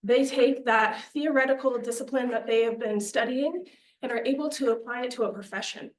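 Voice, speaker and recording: Earnest young woman pitching a budget. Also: fairly quick. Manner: earnest, persuasive, a little out of breath. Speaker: student media presenter. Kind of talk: budget presentation to a committee. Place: meeting room. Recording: echoey meeting room.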